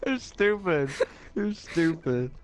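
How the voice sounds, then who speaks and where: A man's voice: fairly high pitch, expressive, takes it slowly. A young man chatting with friends while gaming, brash and swearing constantly, over a headset. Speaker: gamer. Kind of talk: casual gaming chat with friends. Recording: noisy game audio behind.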